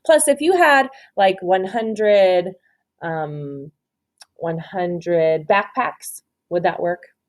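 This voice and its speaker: A woman with a lowish voice reads a children's story aloud expressively. She pauses to ask simple questions and encourage answers.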